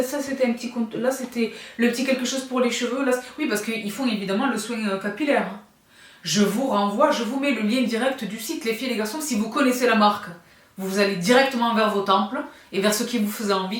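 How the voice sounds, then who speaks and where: A woman's voice: fairly high pitch, roomy sound, recorded from a distance. A woman beauty vlogger chatting casually and effusively while reviewing skincare products, laughing often.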